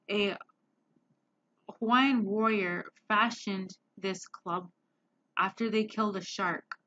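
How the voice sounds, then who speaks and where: A woman's voice: medium pitch, a bit bright. A woman presenting slides for a class in a mid-range voice, stopping often on ums and restarting phrases. The sound is dull and slightly lo-fi. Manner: hesitant, many ums. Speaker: student presenter.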